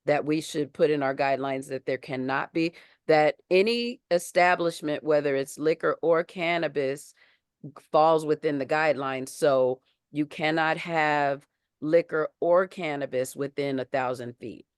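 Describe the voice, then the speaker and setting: A committee member raises a point on a video call, earnest and thinking aloud, pausing and restarting along the way. The voice is mid-pitched and smooth, and the sound is dry and close. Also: no room sound. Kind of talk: community board meeting discussion.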